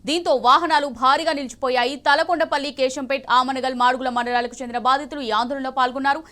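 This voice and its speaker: A woman news anchor reading a scripted report in a crisp, formal manner. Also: high voice, fairly even intonation, quick pace, bright, forceful tone.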